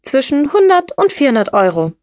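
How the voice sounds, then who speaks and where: A brash young woman in an audiobook, blunt and matter-of-fact, her voice rising and falling with lively swings, as a woman narrator puts her on. The sound is close and dry, with no room around it. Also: high-pitched, normal speed, no echo, voice pushed up. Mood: breezy.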